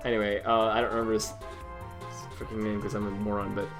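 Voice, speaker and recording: A man's voice: fairly low pitch, monotone, brisk, over music. Rambling, self-mocking male streamer. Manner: rambling and self-deprecating, laughs often. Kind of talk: casual live-stream chat.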